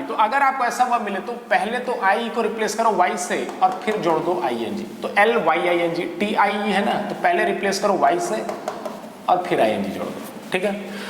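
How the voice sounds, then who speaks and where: A man's voice: high-pitched, a bit bright, slight background noise. A man with an Indian English accent giving a grammar lesson, explaining step by step and checking in with his listeners. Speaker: English teacher. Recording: echoey hall, faint background ambience.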